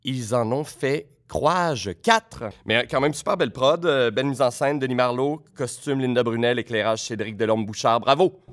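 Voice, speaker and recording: A man's voice: medium pitch, moderate pace, few pauses, a bit bright. A man with a Quebec French accent hosting a theatre podcast, reading the news in a polished, formal presenting manner. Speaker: podcast host; teacher.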